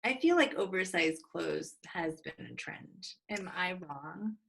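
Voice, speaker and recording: Gravelly, lively woman on a noisy call. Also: on the low side, slow. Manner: enthusiastic, short reactions. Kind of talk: casual video call chat. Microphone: video call. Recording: noisy video call line.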